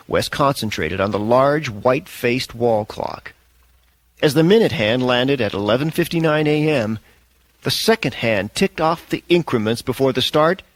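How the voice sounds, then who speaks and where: A male narrator reads an audiobook with a measured, expressive delivery. His mid-range voice rises and falls with plenty of movement. The sound is close and dry, with no room tone. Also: mid-range voice, no room sound, rough recording.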